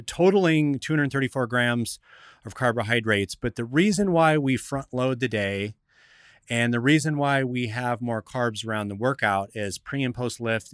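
A man's voice: mid-range voice, a bit bright, clean tone, no echo, clean studio sound. A man hosting a radio talk show, explaining in an instructive, methodical way like a coach.

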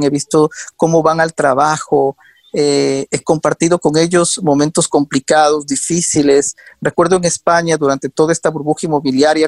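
A man's voice: on the high side, dry recording. A man guest telling earnest stories in an interview, with frequent hesitations and restarts. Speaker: guest, documentary show maker. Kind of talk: conversational storytelling.

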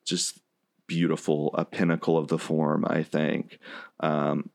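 A man in a casual podcast chat tells a long story with animation and plenty of filler words. His voice is low. He talks freely in a loose, conversational way. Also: level tone, unhurried, vocal fry, darkish tone. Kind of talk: casual chat, retelling a match.

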